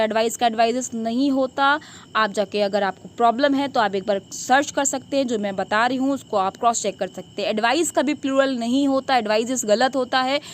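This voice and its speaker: A woman's voice: high voice, slight background noise. A woman teaching English grammar in a classroom style, asking questions and answering them herself. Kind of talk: classroom lesson.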